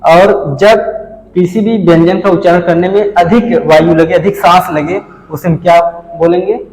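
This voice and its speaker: Male teacher, high voice, lecturing in a roomy, echoing space; quizzes the class and answers himself. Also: fairly even intonation, moderate pace, darkish tone, slight background noise. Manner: explains at a board, asks and answers his own questions.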